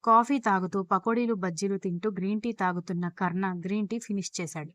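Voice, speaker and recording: A woman storyteller reading a scripted audio love story aloud at a steady pace. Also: medium pitch, brisk, no echo, studio quality.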